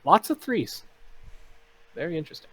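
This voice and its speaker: A man running a tabletop game, narrating casually with lots of fillers and pauses. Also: fairly high pitch, very animated, a bit bright, husky, no room sound. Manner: casual, hesitant with many fillers. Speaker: game master.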